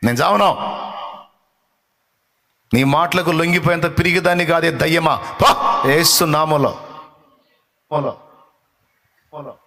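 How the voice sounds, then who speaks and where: A man's voice: on the high side, unhurried, long pauses, background noise. A male preacher giving a fervent sermon, repeating lines for the congregation to echo and acting out taunting voices. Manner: acts out taunting voices and rebukes them.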